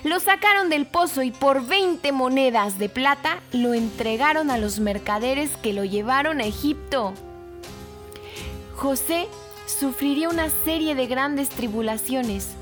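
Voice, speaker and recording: A woman hosting a weekly children's story show, narrating in an animated, expressive way with emphatic repetition. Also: sits high, unhurried, soft background music.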